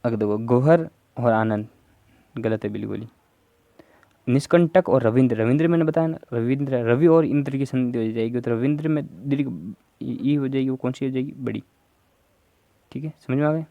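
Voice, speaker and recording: A man's voice: medium pitch, moderate pace, creaky, long pauses, no room sound, narrow, tinny audio. A man teaching Hindi grammar for an exam, going through answer options step by step and prompting viewers to answer. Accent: Rajasthani. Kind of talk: exam prep lesson.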